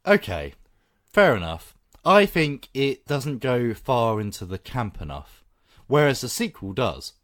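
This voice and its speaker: Lively podcast host. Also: male voice, mid-range voice, unhurried. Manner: opinionated, animated, laughs often. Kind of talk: casual film discussion.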